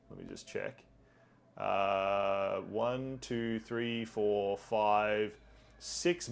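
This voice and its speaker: A man with a deep, gravelly voice hosts a tabletop game as game master, chatting casually in a playfully theatrical way.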